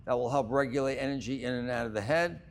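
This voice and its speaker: A man guiding a breathwork and exercise class as the instructor, giving measured instructions in short phrases with long pauses. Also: mid-range voice.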